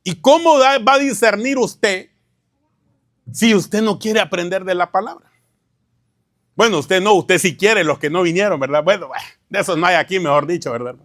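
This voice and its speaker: Pastor guy preaching in church, bit high voice, keeps going "hermano?" at the crowd. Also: brisk, a bit bright, dry recording, studio quality. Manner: peppers lines with "hermano" and rhetorical questions. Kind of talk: teaching sermon.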